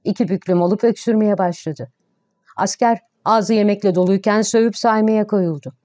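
A woman narrates a story in a steady, measured way. Her voice is mellow and warm at a middle pitch. The recording is dry and close. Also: no echo. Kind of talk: audiobook narration.

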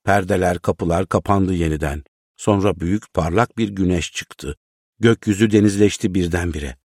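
A man with a very low voice reads a short story aloud. His pace is measured and unhurried. The sound is dry and close to the mic. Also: darkish tone, husky, no echo. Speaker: narrator. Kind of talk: storybook reading.

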